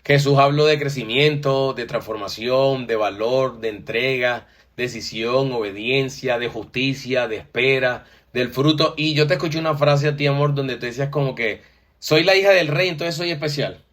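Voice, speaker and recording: A man's voice: medium pitch, moderate pace, a bit bright. Man, mid-range voice, explanatory church talk, filler-heavy. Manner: explanatory, repeats "o sea" and "entonces". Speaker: co-host.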